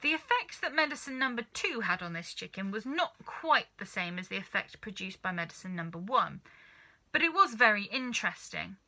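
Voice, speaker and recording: A woman reads a children's story aloud, narrating in an expressive, deliberate way. Her voice sits at a medium pitch, as suits a storybook reader.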